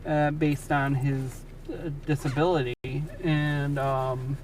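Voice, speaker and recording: A man's voice: on the high side, steady tone, slow pace. A man in casual, sweary, grumbling conversation on a livestream. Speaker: livestream co-host. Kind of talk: casual chat. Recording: distant mic with background noise.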